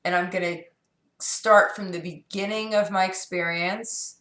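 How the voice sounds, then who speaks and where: In an echoey room, a middle-aged vlogger from New York speaks unhurriedly in a lowish, steady, fairly bright voice, her throat sore and scratchy. Her casual talk is candid and rambling, full of fillers and false starts.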